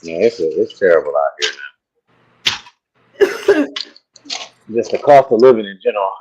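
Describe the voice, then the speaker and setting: A man with a lowish voice chats casually on a sports show, laid-back and agreeable. The sound comes through a dull, lo-fi mic. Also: animated, a little slow, a little mellow, a little hiss or hum.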